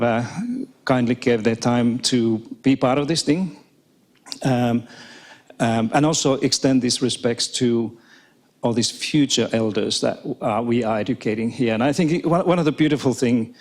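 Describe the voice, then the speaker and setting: This conference talk comes from a Finnish man, natively bilingual in Finnish and Swedish, whose accent shows as he addresses a live audience in a conference hall. His keynote is chatty and hesitant, broken up by frequent laughter. The voice is mid-range with a darkish tone.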